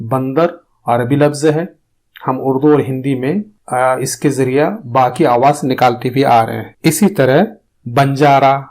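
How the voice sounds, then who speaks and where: A man in a steady, mid-pitched voice gives a Quran pronunciation lesson. He moves at a measured pace, stopping to sound out single letters and say them again so learners can copy him. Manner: patient, repeats letter sounds slowly for learners. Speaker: Tajweed teacher.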